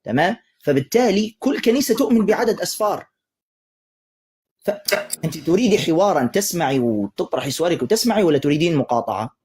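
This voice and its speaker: A man hosting a live religious debate stream, lecturing forcefully and cutting in to taunt a caller. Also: on the high side, lively intonation, quick pace, husky.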